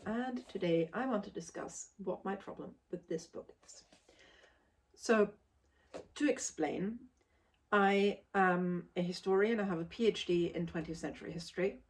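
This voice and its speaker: A woman's voice: mid-range voice, moderate pace. A woman in her forties from Austria, giving a casual spoken book review in an emphatic, articulate, forthright way.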